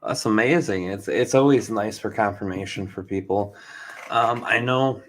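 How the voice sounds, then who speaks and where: A man's voice: on the low side, normal speed. A man hosting a podcast in casual interview chat, reflective and affirming, reading out listener questions. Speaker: podcast host.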